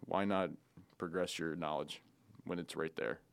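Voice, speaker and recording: A man with a very low voice talks in a casual chat, giving blunt, clipped verdicts that he repeats. The recording is dry and close, with no room sound. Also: steady tone, a little slow, creaky, clean tone, no room sound. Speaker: professional baseball player guest.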